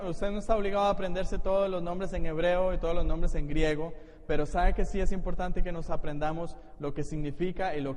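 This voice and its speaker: A Costa Rican pastor gives a Bible study to his congregation in a church hall, explaining the material like a teacher in his Costa Rican Spanish accent. His voice is fairly high with a darkish tone, recorded with echo and faint noise.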